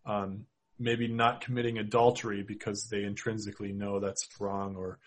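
Thoughtful Minnesotan man, halting delivery. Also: lowish voice, flat delivery. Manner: thoughtful, many fillers and restarts. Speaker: podcast co-host. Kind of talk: casual theological discussion.

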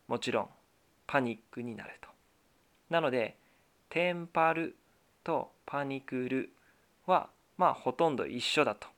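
A man leads a Japanese lesson in a slow, deliberate voice. He lays out each phrase carefully, at an unhurried, steady pace and a middle pitch. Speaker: Japanese teacher. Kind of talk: scripted language lesson.

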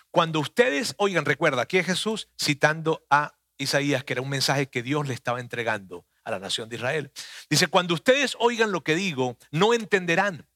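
Man, sermon, bright tone, dry close sound, talks straight to you. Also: mid-range voice, no echo. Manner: earnest and personal, addresses the listener directly. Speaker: preacher. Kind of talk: conversational sermon.

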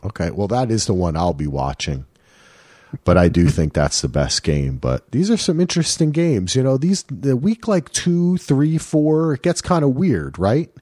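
A man hosting a casual sports podcast over a remote call, talking in a lively, rambling way with chuckling asides. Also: medium pitch, moderate pace, dry recording, clean studio sound. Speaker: podcast host.

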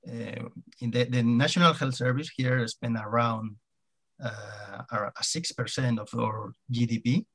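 Man, native Spanish speaker, Spanish accent, mid-pitched voice, hesitant phrasing, interview guest. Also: steady tone, gravelly, a bit bright. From Spain. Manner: hesitant, halting delivery with repeated words. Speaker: podcast guest, hospital CIO. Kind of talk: conversational interview.

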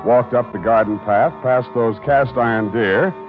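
A man's voice: medium pitch, a little slow, music in the background, natural voice. An actor playing a wisecracking hard-boiled male private eye in a 1940s radio drama, dry and sardonic, on a dull old transcription. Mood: narrating.

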